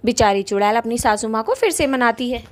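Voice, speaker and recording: A woman narrating a cartoon ghost story in a lively storytelling manner. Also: a little high, a little fast.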